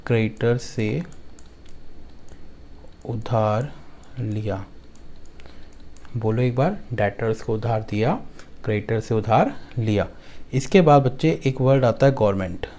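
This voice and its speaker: A male accounts teacher from Delhi, lecturing his students in a Hindi-speaking accent. He repeats key lines slowly, turns them into a rhyme to recite and keeps asking if things are clear. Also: on the low side, dark tone, slight background noise.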